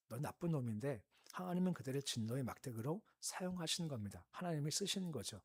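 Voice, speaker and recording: A male pastor giving an early-morning prayer sermon, explaining in a calm conversational teaching tone and asking the listeners questions. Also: mid-range voice, slightly rough.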